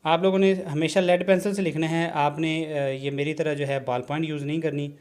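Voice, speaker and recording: A man's voice: fairly high pitch, steady tone, brisk, darkish tone, clean tone. A man teaching a shorthand lesson on video, explaining step by step, checking in often with a short "okay" and mixing English terms into his talk. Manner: explanatory, repeats "theek hai ji", mixes English terms into Urdu. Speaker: shorthand instructor. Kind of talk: classroom-style video lesson.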